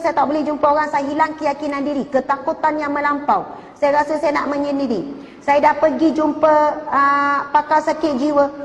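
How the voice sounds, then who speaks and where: A woman religious teacher with a Malaysian Malay accent, giving a sermon and earnestly retelling stories people told her. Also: high voice. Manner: earnest storytelling, quoting others. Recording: dull, lo-fi with long hall reverb.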